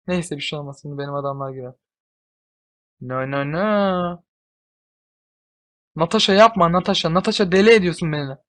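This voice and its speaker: A young man giving casual gameplay commentary, excitable, often swearing and shouting at his units. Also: on the high side. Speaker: gamer.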